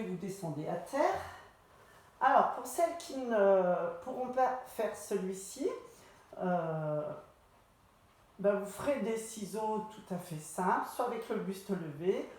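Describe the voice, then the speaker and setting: Slow, calm woman cueing a pilates class. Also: medium pitch. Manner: calm step-by-step cueing of breath and movement. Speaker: pilates instructor. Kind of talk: guided exercise class instruction. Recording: echoey room.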